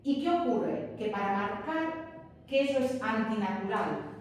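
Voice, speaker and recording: This Spanish teacher's voice is on the high side, expressive and darkish, and she speaks a little slowly, with a faint hiss or hum. Recorded from far off in an echoey hall, the woman from Spain teaches a grammar lesson in a Spain Spanish accent, patiently and emphatically checking in with students.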